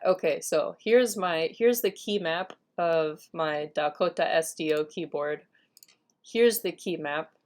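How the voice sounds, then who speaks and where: A woman with a low-pitched voice records a step-by-step computer tutorial. She sounds upbeat and talks casually, with fillers between steps, into a desktop mic. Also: a little mellow. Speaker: language teacher giving a software tutorial.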